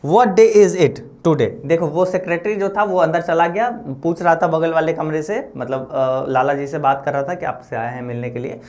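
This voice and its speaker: A male English teacher walking students through a story line by line. He restates each point several times and keeps checking in with the listener as he goes. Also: a little high. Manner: repetitive, checks in often with the listener. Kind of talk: line-by-line lesson explanation.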